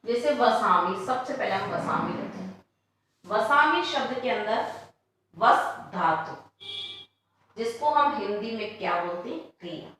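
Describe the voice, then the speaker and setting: Woman teacher, middle pitch, slow and deliberate, poses and answers her own questions; roomy echo. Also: animated, a bit bright. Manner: asks questions and answers them herself; reads each line slowly, then explains it. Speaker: Sanskrit teacher. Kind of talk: classroom lesson explaining a text line by line.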